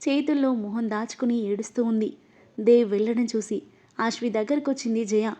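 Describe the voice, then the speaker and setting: A woman reading an emotional novel aloud as narrator, voicing every character herself and getting louder in the angry lines. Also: on the high side, fairly quick. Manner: reads all the characters, her voice rising louder in angry lines. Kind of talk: scripted story narration. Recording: dull, lo-fi audio.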